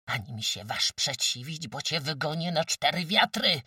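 A man voicing a fierce, domineering old peasant mother who scolds in shrill shouts. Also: wildly swooping pitch, measured pace, no room sound, studio quality, far from the mic, full character voice. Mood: furious.

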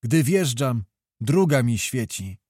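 A man reading a story aloud, voicing a dignified, grave king who speaks calmly and solemnly. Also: slow, slightly rough, no echo, studio quality, exaggerated voice. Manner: calm, low, solemn.

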